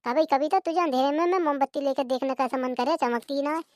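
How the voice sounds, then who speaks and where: A woman's voice: high voice, quick pace, darkish tone, no echo, clean studio sound, close to an everyday voice. A woman voicing a lazy, rude young husband in a cartoon comedy, mocking and insulting.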